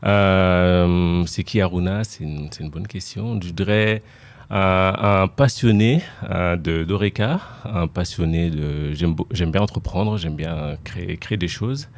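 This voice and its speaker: A man raised in France, a bar owner talking as a podcast guest in a casual, halting way with many repeated words. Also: low-pitched, no echo.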